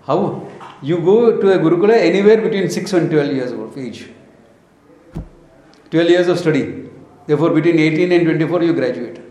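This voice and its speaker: A man's voice: on the high side, animated, normal speed, long pauses, mellow. A man with an Indian accent giving an informal spiritual lecture, telling stories in short emphatic phrases, asking rhetorical questions and slipping into Hindi and Sanskrit. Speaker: spiritual teacher. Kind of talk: informal scripture lecture with storytelling. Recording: echoey room.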